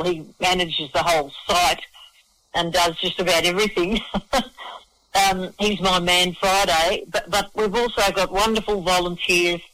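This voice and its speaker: In a casual radio interview, a festival organiser and singer-songwriter appears as the guest: a middle-aged or older man with an Australian accent. He's matey and effusive, often repeating words at the start of phrases, in a high-pitched, pushed, bright voice. The recording is low quality with no echo.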